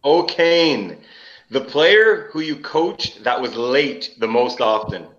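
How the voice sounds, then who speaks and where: A man's voice: medium pitch, animated, fairly bright tone. A man hosting a casual chat, his voice sounding like he is in a cave, recorded on an old laptop mic in a basement. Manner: brisk, jokey, runs the segments. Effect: cave-like echo from a basement laptop mic. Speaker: podcast host. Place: basement room. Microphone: old laptop built-in mic. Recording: echoey, dull lo-fi laptop mic.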